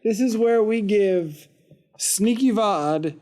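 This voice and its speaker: A man's voice: high voice, slow, mellow. A young man co-hosting a podcast in casual chat, playfully announcing segments. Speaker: podcast co-host.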